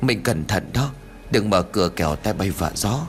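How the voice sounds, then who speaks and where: A man's voice: low voice, expressive, moderate pace, slight background noise. A man voicing a worried grown son who speaks urgently and anxiously in a horror audiobook.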